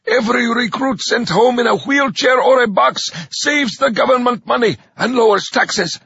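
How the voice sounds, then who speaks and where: A man voicing a fat, gleefully cruel male drill sergeant with a rasping voice who barks and growls orders in a dull lo-fi recording. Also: very high-pitched, normal speed, sharp tone, no echo, voice pushed up, full character voice. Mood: menacing.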